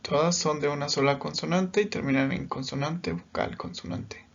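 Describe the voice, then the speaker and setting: A man's voice: a little high, normal speed, creaky, highs cut off. A man teaching English grammar in a recorded lesson, patient and step by step, often checking in as he explains.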